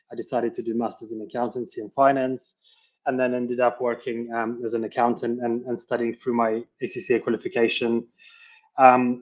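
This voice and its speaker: A man in his forties from Lithuania, a finance professional answering interview questions in a halting way, full of fillers and restarts. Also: medium pitch. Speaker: financial controller, webinar guest. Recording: dull lo-fi audio.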